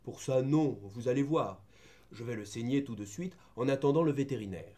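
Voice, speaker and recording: A man voicing a steady farmhand in a storybook reading, calm and matter-of-fact as he explains. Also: medium pitch, normal speed, voice pushed down, natural voice. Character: steady older male farmhand tending animals.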